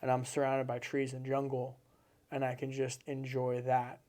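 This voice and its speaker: Male podcast guest from Seattle, earnest and emphatic, mellow tone, mid pitch. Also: monotone, moderate pace, slight background noise. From Seattle, United States. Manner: earnest, repetitive emphatic phrasing. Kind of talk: casual interview conversation.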